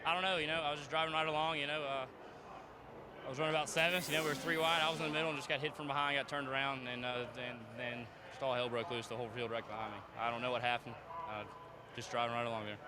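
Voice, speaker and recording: A nineteen-year-old man, a racing driver, speaking plainly and haltingly in an unscripted trackside interview. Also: medium pitch, flat delivery. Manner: halting, repetitive, plain-spoken. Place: outdoors at a racetrack. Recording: crowd and vehicle noise behind.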